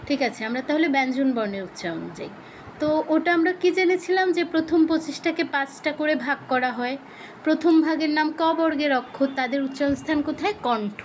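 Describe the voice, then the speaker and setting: A woman teaching pronunciation in an online class, demonstrating each sound slowly, syllable by syllable, over a video call. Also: sits high, expressive, slight background noise. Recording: dull lo-fi video call audio.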